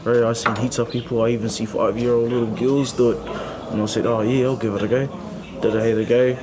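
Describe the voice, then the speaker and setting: A man's voice: mid-range voice, level tone, fast. A man talking in a laid-back, colloquial way. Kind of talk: casual interview. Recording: crowd chatter behind.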